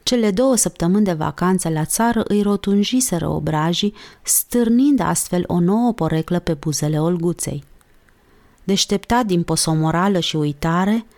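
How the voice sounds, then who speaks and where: Female audiobook narrator, lowish voice, calm, measured literary reading. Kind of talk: scripted narration.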